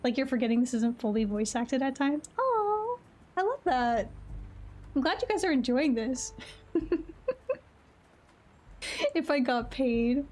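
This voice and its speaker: High-voiced, laughing young woman streamer. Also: lively intonation, slow pace, long pauses, a little mellow. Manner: chatty, self-deprecating, laughs often. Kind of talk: casual chat while playing a game.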